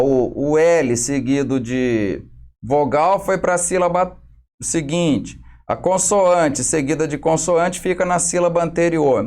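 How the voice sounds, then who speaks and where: Lively slow-talking Brazilian teacher, man. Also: on the high side. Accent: Brazilian Portuguese. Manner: tag questions after nearly every phrase, explanatory. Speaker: exam prep teacher. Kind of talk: solving exam questions for students.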